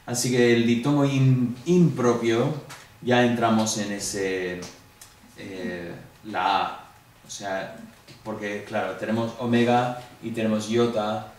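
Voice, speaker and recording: Speaking in a lowish, slightly mellow voice, a man with a Spanish accent gives a review lesson as a Greek teacher, explaining step by step and questioning his students. The recording has an echoey room, a distant mic, and a faint hum.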